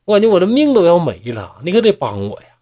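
A man's voice: sits high, wildly swooping pitch, quick pace, dark tone, pitched above the performer's own voice, full character voice. A man with a Northeastern accent voicing a pining, desperate lovesick young man in a storybook tale. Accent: Northeastern Mandarin. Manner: desperate, pleading.

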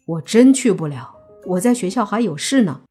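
A woman's voice: mid-range voice, expressive, normal speed, mellow, breathy edge, soft background music. A woman narrator voicing a young male zombie with dry, offhand retorts in an audiobook.

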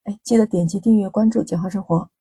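A woman's voice: medium pitch, fairly even intonation, quick pace, mellow, slightly rough, dry recording, low-quality recording. A woman hosting a vlog, giving casual relationship advice in a chatty way with many rhetorical questions. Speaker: vlog host.

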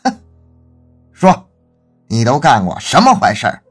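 A man voicing a gruff old country grandfather who scolds and threatens. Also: medium pitch, very animated, a little slow, faint music behind. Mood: vengeful.

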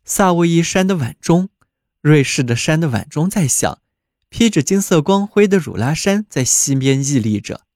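A man reading a fairy tale aloud with an expressive, descriptive delivery. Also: a little high, normal speed, no room sound, clean studio sound. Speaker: storyteller.

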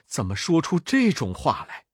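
A man voicing a gentle, anxious elderly male monk who talks low and softly. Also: huge pitch swings, moderate pace, slightly rough, no room sound, studio quality, heavily acted. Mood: fretful. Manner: low, soft, fretting.

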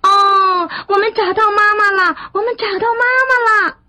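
A woman voicing a crowd of eager little tadpole children who call out in high, squealing voices, from a storybook. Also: steady tone, normal speed, fairly bright tone, no room sound. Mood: excited.

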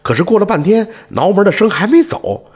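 A man telling a folk tale in an expressive, animated way, with dramatic rises and falls. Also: high voice, fairly quick, slightly rough. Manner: animated, expressive, rising and falling. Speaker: storyteller.

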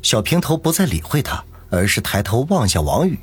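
Husky male storyteller, lively delivery, audiobook narration. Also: on the low side, brisk. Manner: dramatic storytelling. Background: faint music.

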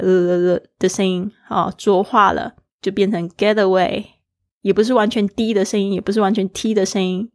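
A woman's voice: medium pitch, no echo, studio quality. A woman teaching an English lesson, explaining words and spelling them letter by letter, switching often between her own language and English.

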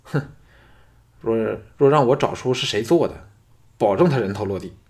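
A man's voice: medium pitch, lively intonation, normal speed, a little mellow, natural voice. Male reader as young nobleman, chatty, earnest, worried; storybook figure, near reader's own voice. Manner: worried and candid.

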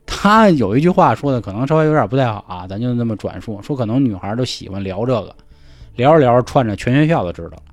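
A man telling a ghost story in casual chat, acting out the dialogue in hushed voices. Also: medium pitch, expressive, fast talker, dry recording, faint music behind. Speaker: podcast storyteller.

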